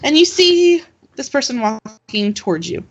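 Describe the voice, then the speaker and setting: A woman narrating as game master of a tabletop game, relaxed with fillers and restarts. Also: high voice, normal speed, breathy edge, muffled recording.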